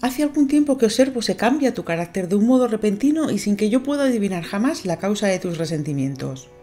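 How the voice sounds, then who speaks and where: A woman's voice: mid-range voice, very animated, fast, dark tone, soft background music, pitched above the performer's own voice, natural voice. A woman voicing a playful, coquettish young girl in a storybook, sweet and mocking. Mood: sweet reproach. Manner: sweet, mocking, sobbing by turns.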